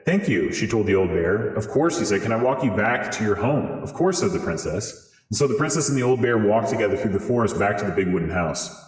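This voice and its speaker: Man, voice changer morphing his voice, low pitch, steady fairy-tale reading, roomy echo with long reverb. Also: brisk. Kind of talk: reading a storybook aloud.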